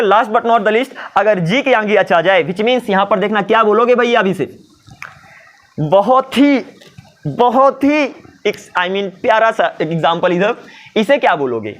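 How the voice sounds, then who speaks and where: A man's voice: high-pitched, a little slow. A man teaching English pronunciation in a Hindi-English video lesson, asking and answering his own questions. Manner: lively, asks and answers his own questions, voices imagined students.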